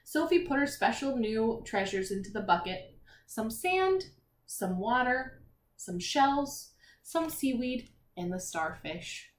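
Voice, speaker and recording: A woman teacher reads a children's picture book with expression, taking it slowly in a slightly high, animated voice and dropping in encouraging asides and questions for the young listeners. The room sounds echoey with faint noise.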